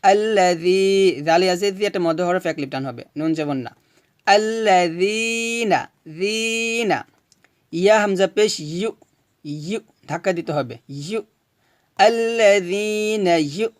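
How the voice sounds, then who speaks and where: A man teaching Quran recitation, chanting verses slowly and explaining each rule patiently, asking questions and answering them himself. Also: sits high, no room sound, clean studio sound. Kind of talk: recitation lesson.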